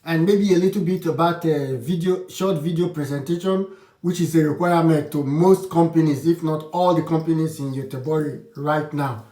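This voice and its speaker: A male vlogger with a mellow, fairly high-pitched voice speaks at normal speed, giving casual advice to camera for his channel's viewers. He's frank and opinionated and often restarts his sentences. The recording sounds roomy and echoey, with him distant from the mic.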